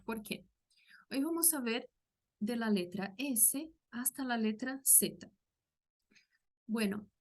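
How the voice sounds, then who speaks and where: A woman's voice: a little high, a little mellow. A woman from Brazil with a Brazilian Portuguese accent and Portuguese as her first language, teaching a language lesson patiently and demonstrating sounds carefully.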